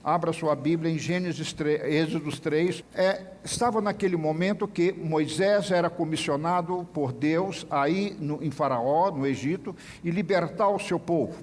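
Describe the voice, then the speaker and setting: A man leads a Bible study, reading scripture aloud and explaining it in a measured way. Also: a little high. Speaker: Bible teacher. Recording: long reverb with faint noise.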